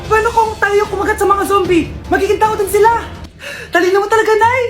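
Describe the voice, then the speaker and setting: An extremely high, excitable comedy skit voice, exclaiming with melodrama. The sound is echoey, with music clearly behind it. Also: female voice, fairly quick. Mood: frantic. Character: excitable high-voiced characters in family squabble skits. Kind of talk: exaggerated comedy skit dubbing.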